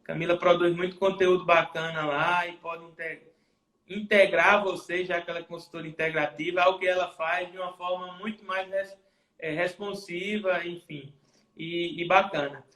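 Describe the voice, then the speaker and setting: A man's voice: high voice, steady tone, normal speed, pushed and bright. A man hosting a podcast interview, chiming in with comments and wrapping up the talk. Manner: adds interjections, wraps up the talk. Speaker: podcast host. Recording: roomy echo.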